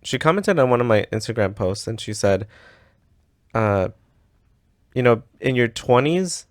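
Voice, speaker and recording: A man's voice: medium pitch, expressive, unhurried, dry recording, clean studio sound. A man in his thirties from the US co-hosting a podcast, chatting in an easygoing way and laughing easily. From United States. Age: 30s. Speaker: podcast co-host. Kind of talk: casual chat.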